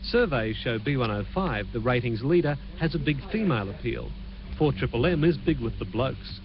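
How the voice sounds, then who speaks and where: A man reporting an entertainment news story on TV, heard through a low quality stream of the broadcast. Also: expressive, highs cut off. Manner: measured, clear scripted delivery. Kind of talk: TV news report narration with chat to the anchor.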